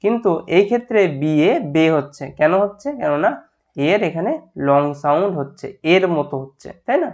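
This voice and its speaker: A man's voice: a little high, expressive, darkish tone. A man with Bengali as his first language, teaching an English phonics lesson, drilling syllables one by one and explaining in between. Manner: drills syllables slowly, then explains in brisk asides.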